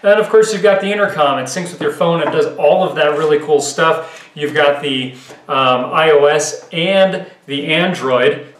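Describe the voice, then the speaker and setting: A gear reviewer in his thirties sits at a table in his home living room, giving casual, explanatory commentary and thinking aloud informally. His voice is on the high side and a bit bright, at normal speed. The room echoes and background noise is clear.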